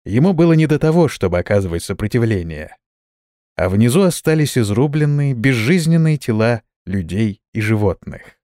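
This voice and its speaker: A man's voice: mid-range voice, very animated, normal speed, warm tone, no room sound, clean studio sound. A man narrating a fantasy story as an audiobook, telling it expressively.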